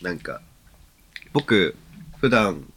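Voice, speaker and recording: A man's voice: sits low, sing-song, extremely slow, a bit bright, a little hiss or hum. A man co-hosting a podcast in casual chat, asking curious questions and giggling. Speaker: podcast co-host.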